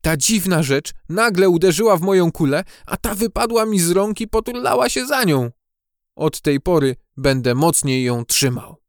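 Give me a small, panicky dung beetle for a storybook, voiced by a man, high and shrill. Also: lively intonation, moderate pace, no room sound, clean studio sound. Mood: flustered. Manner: panicky, shouting. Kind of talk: storybook audiobook reading.

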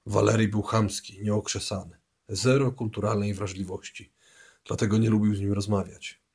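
Man, audiobook narrator, low voice, slightly husky, scripted reading. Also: steady tone, normal speed, a little mellow.

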